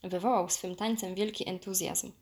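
Female narrator, mid-pitched, lively children's story reading. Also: normal speed.

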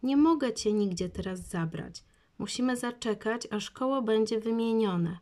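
A woman's voice: a little high, lively intonation, normal speed, dark tone, voice pushed up, natural voice. A woman doing a harried, firm mother. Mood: stern.

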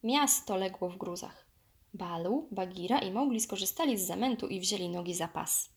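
A woman reading a children's storybook aloud in a lively, expressive way. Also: mid-range voice, normal speed.

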